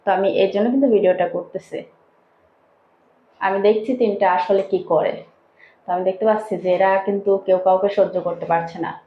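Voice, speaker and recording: A woman's voice: fairly even intonation, a little fast, pauses often, a little hiss or hum. A woman vlogging at home, chatting to her viewers and coaxing her pet birds in a sing-song voice. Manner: coaxing, sing-song baby talk to the birds, rising high when calling them. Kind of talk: casual vlog chat, talking to her pet birds. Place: home, indoors. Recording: echoey room, dull lo-fi sound.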